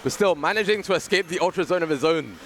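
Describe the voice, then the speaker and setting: A man's voice: a little high, fast talker, slight background noise. A British man giving playful, jokey live commentary on a tournament match. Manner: playful, jokey, excitable on big moments. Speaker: esports commentator.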